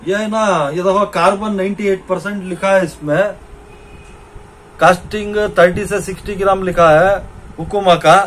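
High-voiced middle-aged man showing shop gear. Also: steady tone, moderate pace, fairly bright tone, a little hiss or hum, poor audio. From India. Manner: repetitive, points things out to the viewer. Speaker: fishing shop owner. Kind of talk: casual product demonstration. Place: small cluttered shop, indoors.

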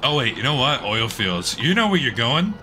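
An Australian man with a hoarse voice gives casual, excitable gameplay commentary, swearing freely and talking to himself as he plays. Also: medium pitch, normal speed, a little hiss or hum. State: hoarse, losing his voice. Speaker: gaming channel host. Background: game music.

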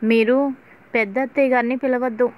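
A woman's voice: a little high, fairly even intonation, a little fast, muffled recording, lightly acted. Brief: young bride, plain and blunt, read by a woman.

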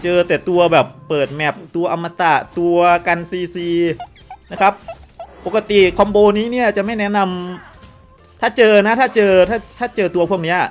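A man with a slight cold giving excitable gameplay commentary to viewers, often exclaiming and repeating words. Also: sits high, moderate pace, faint music behind. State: has a cold, voice sounds odd. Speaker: game streamer.

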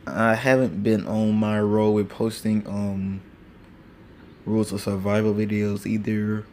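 A teenage boy, a gaming channel host, casually rambles through commentary over a mobile game, using lots of fillers. His male voice is fairly low, flat, unhurried and a little mellow. He records at home on a phone screen recorder, with a little hiss or hum and a train passing outside.

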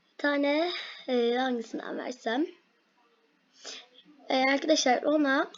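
A young girl chatting excitedly while playing a game, her voice going hoarse from talking loudly at home. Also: high voice. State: losing her voice. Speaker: gaming vlogger. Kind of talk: excited gameplay chat. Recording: lo-fi home recording.

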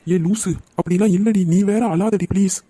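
A man voicing a hot-headed, loyal young man in an animated story, talking fast and emphatically. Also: high voice, dry recording. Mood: anxious.

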